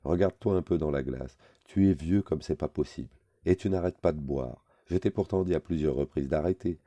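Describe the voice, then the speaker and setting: A man reading a novel aloud, voicing a sharp-tongued young woman who scolds her lover. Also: extremely low pitch, brisk, no echo. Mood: cold, scornful. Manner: cutting, scolding.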